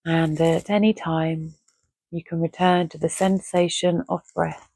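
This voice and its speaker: A meditation guide with a soft, lowish, creaky voice leads a Yoga Nidra relaxation, soothing and measured. She speaks gently and unhurriedly with a flat delivery, pausing between short phrases. The recording is dry and close, with no room sound at all.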